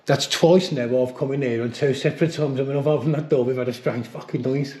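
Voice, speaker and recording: A man's voice: mid-range voice, steady tone, brisk, warm tone. A British man speaking as an amateur ghost hunter in a casual, blunt way, calling out to spirits and chatting as he investigates indoors. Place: indoors in a pub. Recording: echoey room in a pub.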